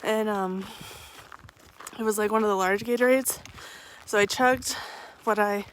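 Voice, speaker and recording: A young thru-hiker vlogger talks into a handheld camera while walking a trail outdoors, her medium-pitched voice fairly even and measured. It's a casual, rambling, emotional monologue with occasional laughs, and a little hiss or hum is audible.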